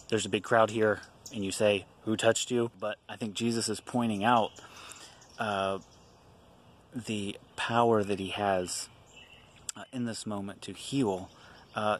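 A man giving an informal reflection on scripture readings. He reads the passages slowly and then talks loosely with many pauses and fillers. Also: fairly low pitch. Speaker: teacher giving a devotional.

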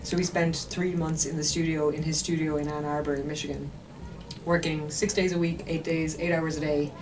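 An Irish woman musician, appearing as a guest in an interview over a video call, tells stories with enthusiasm and detail. Her voice is low and level at a normal speed, picked up by a distant mic with background noise.

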